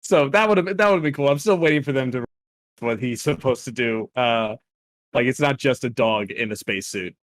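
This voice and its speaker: A man's voice: medium pitch, moderate pace, no echo. A man in mid-register chats loosely about an episode, often doubling back on his words. He chuckles at small nitpicks as he goes. The sound is dry and close, with no room around it. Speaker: co-host reviewing an animated episode. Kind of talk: casual review chat.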